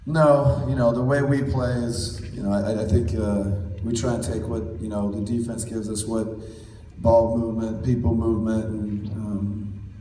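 A middle-aged man, a basketball coach, giving measured postgame press conference answers with many fillers, heard from across a press room. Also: fairly low pitch. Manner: measured, steady, many "you know" fillers. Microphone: table mic, recorded from far in the audience. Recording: roomy, distant, faint hall noise.

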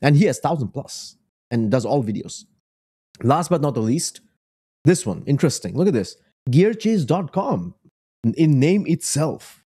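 A young man with a mellow, husky voice comments casually on what he shows on his screen. His pitch climbs and dips a lot as he jokes and exclaims. He often cuts in on himself before carrying on. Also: measured pace. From Bengali. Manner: animated, joking, exclaiming. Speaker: online business creator.

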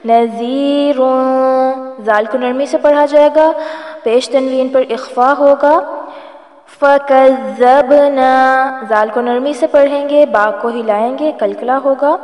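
A woman teaching Quran recitation leads a tajweed lesson, reciting words slowly and melodically before explaining each rule quickly. She has a high voice, and the recording is muffled. The room is echoey with long reverb and faint music in the background.

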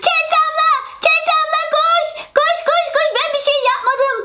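Squeaky whiny small children, very high and pleading voiced by a woman. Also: normal speed, bright, forceful tone. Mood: panicked. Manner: whining, pleading. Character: whiny little children, boy and girl. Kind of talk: toy role-play voicing.

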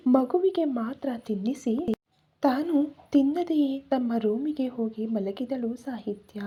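A woman narrating an emotional story in a measured reading manner. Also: on the high side, mellow, husky.

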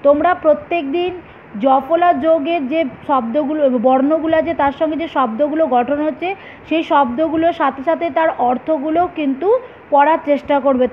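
A woman's voice: high voice, phone-quality sound, a little hiss or hum. A woman teaching a primary school spelling lesson, explaining step by step and repeating questions for her pupils. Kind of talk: online Bengali spelling lesson.

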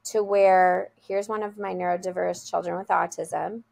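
A woman's voice: on the low side, flat delivery, moderate pace, vocal fry, darkish tone. A woman guest telling heartfelt stories about her school in a casual interview over a video call. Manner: earnest, heartfelt storytelling.

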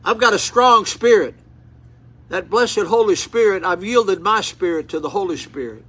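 Seated in a small indoor room with curtains, an eighty-something preacher reads and expounds scripture in a fervent sermon, rising to exclamations, repeating words and restarting. His male voice is high, husky, bright and forceful, at a moderate pace. He is recorded close up on a phone camera.

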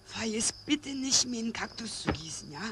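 A woman's voice: fairly high pitch, expressive, normal speed, very noisy, close to an everyday voice. A woman voicing a brash, slangy little punk boy in a cartoon. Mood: chummy. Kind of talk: animated film dialogue.

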